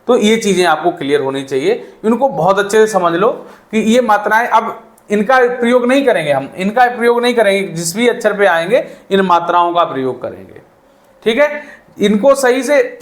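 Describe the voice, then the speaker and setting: A man teaching a reading lesson, drawing out each letter sound slowly and checking in with repeated "okay". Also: high voice, reverberant. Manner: slow, drawn-out letter sounds with repeated "ठीक है". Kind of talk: spoken Hindi reading lesson.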